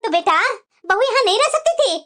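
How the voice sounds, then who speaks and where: A woman's voice: very high-pitched, sing-song, fairly quick, fairly bright tone, full character voice. A woman voicing a stern, bitter older mother-in-law in a cartoon, scolding and sarcastic.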